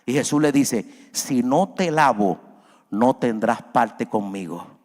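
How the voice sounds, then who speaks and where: A man preaching a sermon as a pastor, his voice climbing high and loud as he acts out pleas. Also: lively intonation, slow. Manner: preaching, voice rises high and loud when acting out Peter's plea. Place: church hall. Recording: long reverb of a large church.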